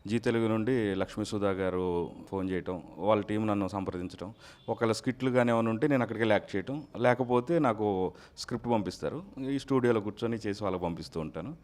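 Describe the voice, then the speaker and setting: Soft-spoken male mimicry artist. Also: on the low side, quick pace. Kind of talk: casual interview chat. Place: recording studio.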